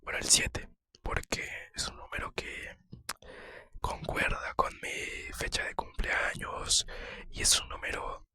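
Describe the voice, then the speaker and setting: A man speaking in a close-miked ASMR whisper, casually answering personal questions with hesitant, soft pauses.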